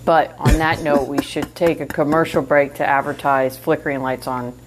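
A woman's voice: sits low, steady tone, normal speed, noisy background. A woman co-hosting a casual podcast with a New York accent, chatty and self-mocking as she tells stories. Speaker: podcast co-host. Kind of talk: casual chat.

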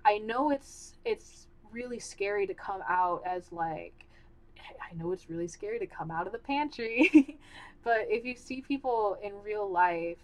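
A woman's voice: mid-range voice, animated, a little slow, low-quality recording. Rambling, candid woman podcaster. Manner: candid, rambling, many fillers and restarts. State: losing her voice. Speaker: podcast host. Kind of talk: casual solo podcast talk.

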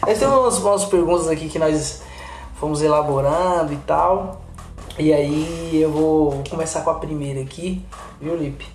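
Man hosting a podcast, relaxed and joking, high voice, echoey room. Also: moderate pace, a little hiss or hum. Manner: relaxed, joking, asks questions. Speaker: podcast host. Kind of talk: casual podcast interview. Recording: roomy, faint music.

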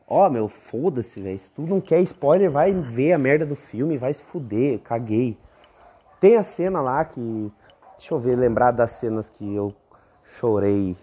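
Husky, mellow young man rambling. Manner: profane, self-mocking, often breaks into high squeaky exclamations. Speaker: podcast host. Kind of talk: casual rambling monologue.

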